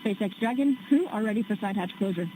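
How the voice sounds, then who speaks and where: A woman's voice: mid-range voice, fast, warm tone, a little hiss or hum, rough recording. A woman crew member giving clipped astronaut radio replies during spacecraft comm checks, heard over a radio link. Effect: radio transmission.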